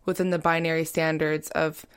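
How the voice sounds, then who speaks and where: A young woman with a smooth, clear voice pitched on the low side chats casually as a podcast guest. She talks in a loose, rambling way, leaning on "like" and "you know" as she goes. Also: level tone, moderate pace. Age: young adult. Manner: chatty, heavy on "like" and "you know". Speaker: guest, college student. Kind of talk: casual interview talk.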